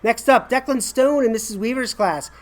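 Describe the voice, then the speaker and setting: A man's voice: extremely high pitch, normal speed. An American man in his forties giving casual, enthusiastic school announcements to a camera in a classroom, chatty and encouraging. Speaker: school staff host of morning announcements. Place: small classroom, indoors.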